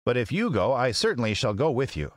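A man's voice: mid-range voice, very animated, fairly quick, no room sound, studio quality, voice pushed up, natural voice. A man voicing a tender, loyal man made of tin in a storybook reading. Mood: wistful, loyal. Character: tender, loyal tin woodman without a heart.

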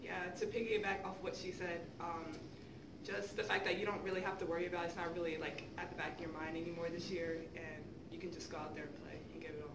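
A young woman college basketball player answers reporters in a casual, filler-laden way. Her delivery is flat. She sounds distant in an echoey room with steady hiss. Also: lowish voice, quick pace. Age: young adult. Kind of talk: press conference answers. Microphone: table mic heard from a far camera.

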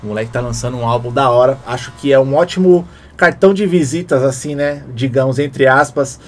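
A man hosting a music reaction video, talking casually and excitedly in heavy slang. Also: medium pitch, a little fast. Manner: excited, slangy, keeps saying "mano". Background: hip hop track playing faintly.

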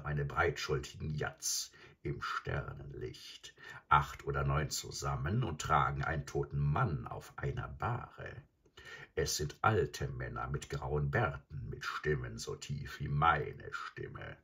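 A man voicing a huge, boastful and sly old male crocodile who tells his tale slowly and savors it. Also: a bass voice, creaky, fairly bright tone, husky, full character voice. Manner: slow, savoring storyteller.

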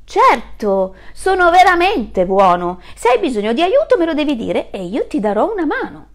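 A woman's voice: high-pitched, wildly swooping pitch, normal speed, voice pushed up. A woman voicing a good-hearted young male super wolf in a storybook, sounding bold and reassuring.

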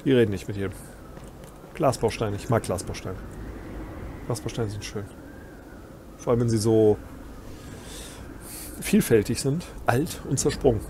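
A man's voice: lowish voice, a little slow, long pauses, warm tone, slight background noise. A middle-aged man giving chatty, amused commentary while playing a video game. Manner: chatty, amused, reads on-screen text aloud. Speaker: let's play host. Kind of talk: gameplay commentary.

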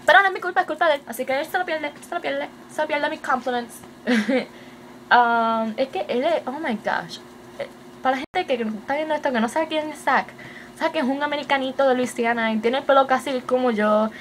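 A young woman with a Puerto Rican accent rattles through a casual video update, excited and hyper. She switches between Spanish and English words as she goes, in a slightly high voice. A faint hiss of room noise sits behind her. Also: fairly quick. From Puerto Rico. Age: young adult. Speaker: vlogger.

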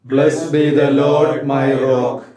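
A male-sounding congregation giving slow, flat liturgical responses together at Mass, heard in a cathedral echo. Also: mid-range voice, crowd noise. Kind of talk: spoken liturgical responses in unison. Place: large church during Mass. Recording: roomy church echo, voices from far off. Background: congregation voices.

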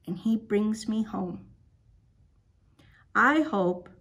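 A woman leading a children's Bible lesson, telling a story gently and asking the little ones questions. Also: medium pitch, slightly rough. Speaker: children's program leader.

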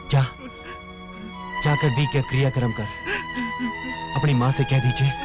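A man playing a gentle old village holy man. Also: mid-range voice, natural voice. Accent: Rajasthani. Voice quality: slow, soothing, chanting. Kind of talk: devotional film acting. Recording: dull lo-fi film soundtrack. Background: devotional music.

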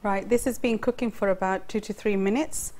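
On an indoor studio kitchen set, a middle-aged cooking-show host walks through each step while she cooks, her medium-pitched voice steady, slightly fast, and a bit dark. She's on a lapel mic, with pots and utensils clattering faintly nearby.

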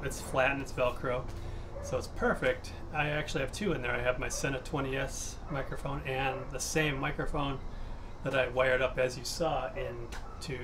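Chatty man in a noisy garage. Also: medium pitch. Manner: relaxed, chatty, with fillers and restarts. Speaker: motovlogger. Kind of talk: casual DIY explainer. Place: cluttered home garage.

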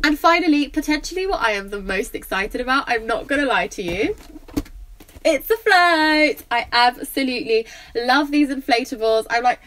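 A young woman talks through a shopping haul in a casual vlog, gushing enthusiastically over everything she picked up. Her voice sits fairly high. A blocked nose leaves it slightly croaky. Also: fairly bright tone. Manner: gushing, enthusiastic, lots of "I love". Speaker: vlogger.

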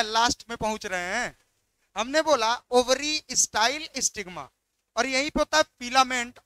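A man's voice: extremely high pitch, sharp tone, clear, resonant tone, no room sound. A man teaching biology, walking through exam questions and coaxing students by repeating each question back.

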